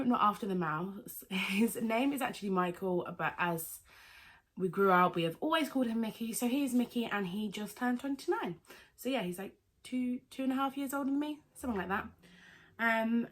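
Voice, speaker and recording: A woman, answering viewer questions in a chatty, rambling vlog with lots of fillers and self-corrections. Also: medium pitch. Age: 20s. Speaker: vlogger. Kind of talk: casual Q&A vlog.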